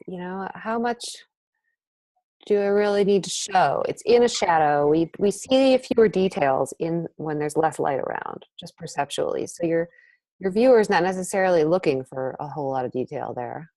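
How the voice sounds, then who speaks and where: A woman teaching a painting demonstration, thinking aloud in a relaxed, chatty way and breathing heavily as she works. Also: fairly low pitch, no echo. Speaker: painting instructor. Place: art studio.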